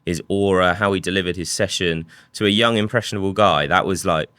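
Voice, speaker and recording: A man's voice: sits low, brisk, bright, forceful tone, smooth, no echo. A man, a company co-founder, telling his story in a casual, reflective interview with frequent restarts. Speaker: guest, software company co-founder.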